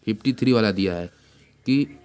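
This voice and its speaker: A man giving an informal math lesson who keeps repeating terms and quizzing his pupil with quick questions. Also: on the low side, a little mellow, clear, resonant tone. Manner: plain conversational delivery with frequent restarts. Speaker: math teacher.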